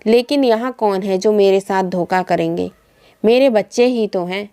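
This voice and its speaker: A woman's voice: mid-range voice, moderate pace, warm tone, clear, resonant tone. A woman telling a family moral story in the first person, in an earnest and reflective reading.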